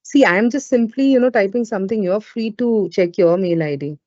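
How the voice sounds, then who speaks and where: Female webinar trainer, Indian accent, mellow conversational delivery, roomy lo-fi call audio. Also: medium pitch, fairly quick. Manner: conversational, with frequent "you know" asides. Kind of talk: informal live webinar talk with audience questions. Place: indoors on an online webinar call.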